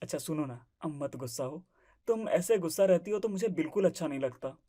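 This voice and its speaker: A woman's voice: lowish voice, animated, fast. A woman voicing a shy grumbling young husband. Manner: gently grumbling, placating. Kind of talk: family drama acting.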